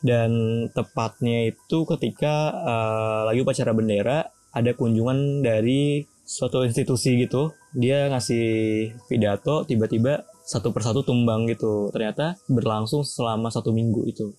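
A man in a casual chat, recounting an experience in a relaxed, slangy way. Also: mid-range voice, moderate pace, no room sound.

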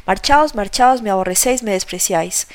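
A woman's voice: mid-range voice, moderate pace, lightly acted. A woman voicing a distraught, defiant young woman who cries out in an audiobook reading. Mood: desperate defiant. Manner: crying out, defiant.

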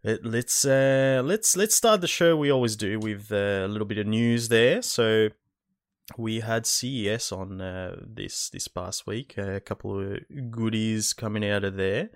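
A man's voice: on the low side, measured pace, dry recording, studio quality. A man hosting a podcast in a casual, matey, complimentary chat style. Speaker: podcast host.

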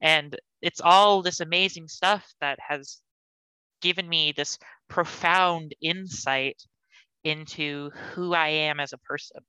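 Smooth low-voiced young woman, earnest. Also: fairly even intonation, takes it slowly, bright, forceful tone, no room sound, low-quality recording. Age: young adult. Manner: earnest, articulate, thoughtful. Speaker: podcast guest. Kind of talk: casual conversational interview.

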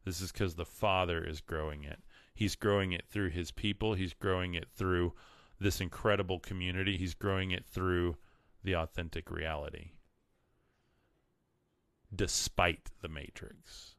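Deep-voiced man with a West Texas twang. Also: fairly even intonation, a little slow, fairly bright tone, dry recording. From West Texas, United States. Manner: earnest, emphatic, repeats words for emphasis. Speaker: livestream host. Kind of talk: casual livestream monologue with read-out comments and quotes.

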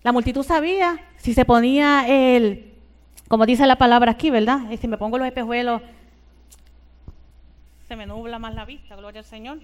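A woman's voice: on the high side, moderate pace, long pauses, clear, resonant tone. An older Puerto Rican woman preaching a sermon, who fills every phrase with fervent church exclamations and asks her listeners for agreement.

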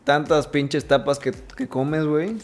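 A Mexican-accented man trading jokes on a podcast, swearing freely and breaking into laughter. His voice sits a little high for a man. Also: level tone, measured pace. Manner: crude slang, laughs often. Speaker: podcast co-host. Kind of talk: casual podcast banter.

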